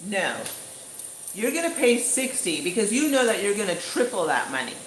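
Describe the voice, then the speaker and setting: A woman chats through a storytime vlog, her voice sitting at an ordinary middle pitch. She talks loosely and animatedly, leaning on "like" and "you know". The recording has a roomy echo and a faint ambient hum behind it. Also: normal speed. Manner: chatty, animated, full of fillers like "you know" and "like". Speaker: vlogger. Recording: echoey room with faint ambience.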